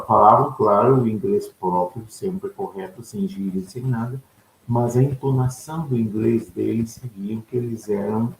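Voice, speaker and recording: In an echoey room with a faint noise floor, a male ufology lecturer gives an explanatory talk, asking and answering his own questions and frequently checking on his audience. His mid-range voice has vocal fry and a darkish tone.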